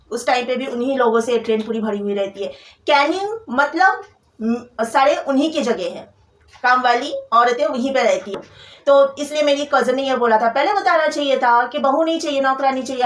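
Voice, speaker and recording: A young woman from Kolkata venting about her in-laws in a personal storytelling vlog, with an indignant manner. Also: high voice. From Kolkata, India. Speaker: vlogger. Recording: roomy echo, from a distance.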